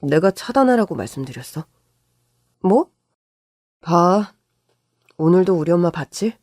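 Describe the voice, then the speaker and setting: A weary, even-tempered husband, voiced by a woman reader in a read-aloud story. He talks low and quiet in a measured way, close to the mic in a dry space. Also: no room sound. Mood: subdued, weary. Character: weary calm husband, low-voiced, fed up with his mother.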